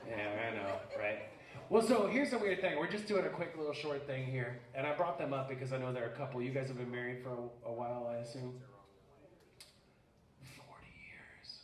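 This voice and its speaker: A man's voice: medium pitch, fast talker. A man performing a live comedic magic act on stage, joking bawdily with audience volunteers. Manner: bawdy, joking crowd banter. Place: live music venue stage. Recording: roomy venue sound from far off. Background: audience laughter.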